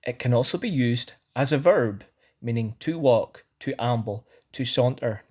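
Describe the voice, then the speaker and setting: A man's voice: medium pitch, expressive, unhurried, darkish tone, breathy edge. Man narrating a language lesson. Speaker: narrator of an educational language video. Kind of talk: scripted explanatory narration.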